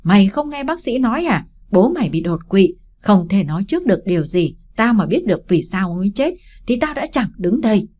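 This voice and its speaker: A woman reading an audiobook, voicing a harsh older stepmother who scolds and shouts with contempt. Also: on the low side, expressive, a little fast, breathy edge. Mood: shouting.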